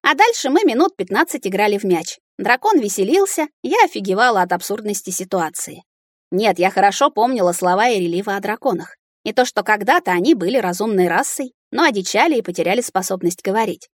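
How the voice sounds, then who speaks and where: A woman narrating a first-person fantasy audiobook in a lively, expressive storytelling manner. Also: mid-range voice, brisk, no room sound, clean studio sound. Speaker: audiobook reader.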